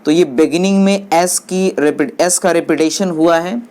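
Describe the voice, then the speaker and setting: Her voice on the low side and a little mellow, a woman gives an English lesson, explaining everything slowly and echoing English phrases in Hindi. She talks to her audience as friends.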